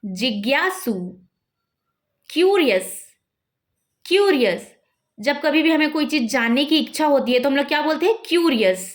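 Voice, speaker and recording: A woman with an Indian English accent teaching vocabulary, slowly repeating each word and its meaning. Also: high-pitched, animated. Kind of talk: slow word-by-word vocabulary drill.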